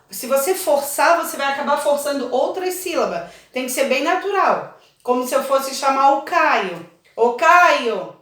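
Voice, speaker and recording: A woman's voice: high voice, fairly bright tone. A woman teacher, patiently explaining a lesson step by step and checking that her students follow. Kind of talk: recorded online class lesson. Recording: very echoey room, voice from far off.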